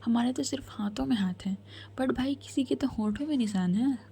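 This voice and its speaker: A woman's voice: on the high side, fairly quick, vocal fry, dark tone, a little hiss or hum. A woman whispering the lines of a mischievous young woman who teases her friends, in a whispered role-play. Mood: teasing. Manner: teasing, cheeky.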